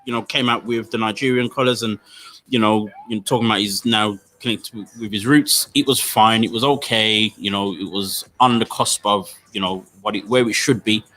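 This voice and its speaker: Man, bright clear voice, casual chat, repeats phrases. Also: lowish voice, steady tone, normal speed, poor audio. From Jamaican heritage. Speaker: podcast co-host.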